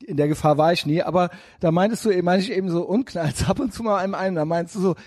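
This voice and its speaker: A man's voice: sits high, racing, darkish tone, no echo, clean studio sound. A man in casual chat who chimes in and jokes a lot. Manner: interjecting, joking, laughs often. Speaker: podcast co-host.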